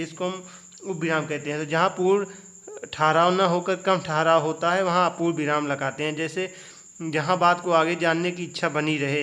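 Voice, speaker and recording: In an exam revision lecture, a young male teacher with a slightly high, somewhat bright voice asks his students rhetorical questions to check their understanding. He then gives the answers himself.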